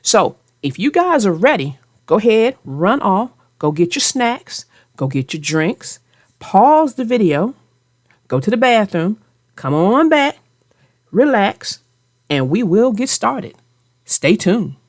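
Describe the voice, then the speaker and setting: A woman hosts a channel and narrates a children's book aloud, addressing her young listeners directly. Her medium-pitched voice is very animated and slow-paced, captured in a dry, clean studio recording.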